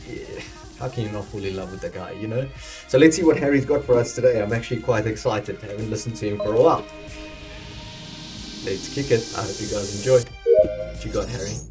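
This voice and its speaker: Excitable man hosting a reaction video. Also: on the low side. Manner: enthusiastic, filler-heavy, swings from loud to soft. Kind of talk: casual commentary to camera.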